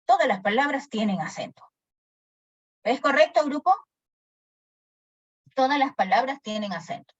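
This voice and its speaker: A woman's voice: high voice, normal speed, long pauses, husky, dry recording. A woman teacher giving a lecture who keeps asking her class questions. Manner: animated, asks the class questions often. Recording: dry, dull lo-fi sound.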